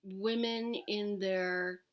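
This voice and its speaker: A woman in her late thirties chatting casually and candidly to camera, rambling and emphatic, with a raspy voice like a longtime smoker's. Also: medium pitch, fairly even intonation, extremely slow. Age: late thirties, almost forty. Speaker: vlogger talking to camera.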